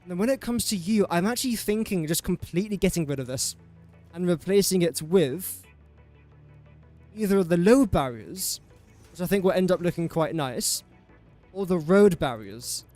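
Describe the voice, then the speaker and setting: Over soft background music, a young Englishman streaming a building game offers casual live commentary in a high, expressive, slightly mellow voice at a moderate pace. With his English accent, he addresses the pieces he sets down and jokes at his own expense.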